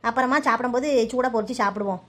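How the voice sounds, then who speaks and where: A busy village housewife from a cartoon, played by a woman, high-voiced and quick, with a Kanyakumari accent. She is practical and a little defensive. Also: fairly even intonation, a bit bright. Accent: Kanyakumari Tamil. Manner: brisk, practical explaining. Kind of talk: cartoon voice acting.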